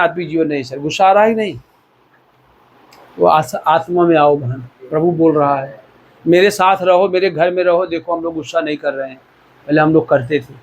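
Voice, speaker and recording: A man's voice: fairly high pitch, a little mellow. A man from India preaching a sermon as pastor, exhorting the listeners and repeating key words for emphasis.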